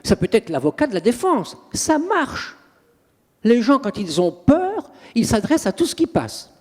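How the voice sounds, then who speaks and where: A priest and exorcist in an interview, telling stories in an animated, dramatic way with acted quotes. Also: male voice, high-pitched, normal speed. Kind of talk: interview storytelling. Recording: long reverb, echoey room.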